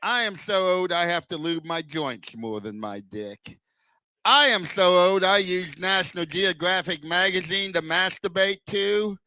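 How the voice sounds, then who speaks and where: Older male comic, forceful and sharp, slurred whistling lisp as if front teeth are missing, self-deprecating stand-up. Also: high voice, lively intonation, clear, resonant tone, no room sound, poor audio. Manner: self-deprecating, deliberate punchline delivery. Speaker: stand-up comedian. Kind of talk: stand-up comedy routine.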